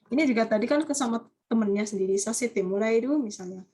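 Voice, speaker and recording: A woman teaching a language class online, lively and coaxing students with quick questions. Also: on the high side, slightly rough.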